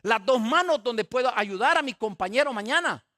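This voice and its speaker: High, lively-voiced man preaching. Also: moderate pace. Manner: animated preaching with rhetorical questions and acted dialogue. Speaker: pastor. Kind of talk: sermon.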